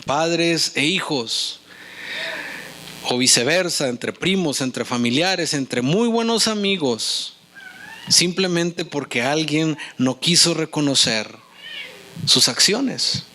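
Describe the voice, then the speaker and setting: A man's voice: a little high, slow, pushed and bright. A man preaching a sermon as pastor, speaking in with an earnest tone and often turning questions to his listeners. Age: adult with young children.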